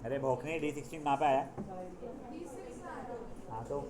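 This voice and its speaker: A man's voice: mid-range voice, steady tone, moderate pace, over a noisy crowd. A man teaching a math class, walking students through problems step by step, calling out to them, scolding and joking in between. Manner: calls out to students, scolds and jokes between explaining steps. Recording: echoey classroom.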